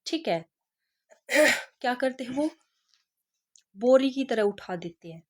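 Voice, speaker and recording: A woman's voice: high voice, lively intonation, slow. A woman teacher gives an exam-prep lesson, repeating each question and answer and teaching memory tricks. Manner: repeats questions and answers, asks rhetorical "kya hai?".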